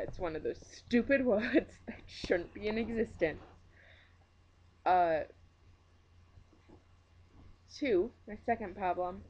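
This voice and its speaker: A woman's voice: fairly low pitch, a little mellow, muffled recording. A woman with a Minnesota accent giving a casual, opinionated book review rant, emphatic, blunt and joking in her exasperation. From Minnesota, USA.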